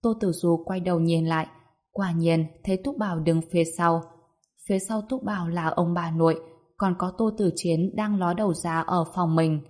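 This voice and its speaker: A woman narrating a serialized story in a measured, even reading. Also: fairly low pitch.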